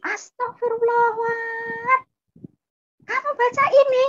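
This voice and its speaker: A woman voicing her angry older sister, who scolds and shouts at her. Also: medium pitch, very animated, moderate pace, husky, muffled recording. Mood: shrill, furious.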